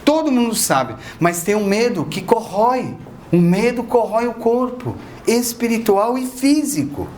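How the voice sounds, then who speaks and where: A man's voice: very high-pitched, expressive, measured pace, darkish tone, a little hiss or hum. A man giving a spiritual lecture, talking conversationally and asking the audience questions. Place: lecture hall of a spiritist association.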